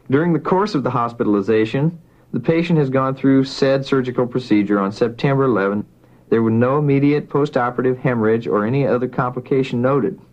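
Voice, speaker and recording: A man's voice: medium pitch, a little mellow. Man's formal medical dictation, dull lo-fi recording. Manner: formal, measured, spells and enumerates item by item. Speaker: physician dictating.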